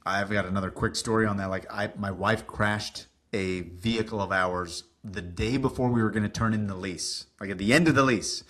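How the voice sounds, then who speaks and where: A man telling stories as a guest on a business podcast, lively, acting out what people said, with some casual swearing. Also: fairly low pitch, normal speed, hardly any pauses. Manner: animated, acts out quoted dialogue, casual swearing. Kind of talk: casual interview storytelling.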